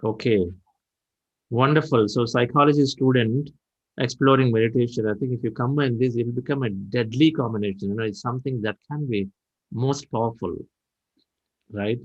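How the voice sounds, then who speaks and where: A middle-aged man hosts an online meditation session, his voice at an ordinary pitch. He speaks reflectively and encouragingly, circling back on his phrases as he goes. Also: moderate pace, muffled recording. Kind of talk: spiritual talk and hosting.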